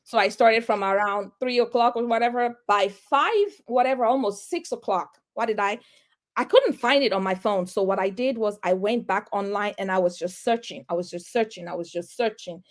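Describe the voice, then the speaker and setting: A real estate agent telling a personal story in an interview, animated and acting out the dialogue she recalls. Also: mid-range voice, moderate pace. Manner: animated, acts out quoted dialogue.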